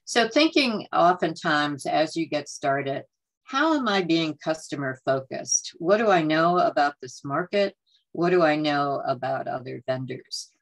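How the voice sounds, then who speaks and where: A woman's voice: low-pitched, lively intonation, a little slow, rough recording. A woman walks through her slides on a video call. She speaks in a conversational, earnest way, with frequent "uh"s and "um"s as she thinks. The sound is a plain computer mic. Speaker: workshop presenter. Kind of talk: presenting slides in a webinar. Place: home or office on a video call.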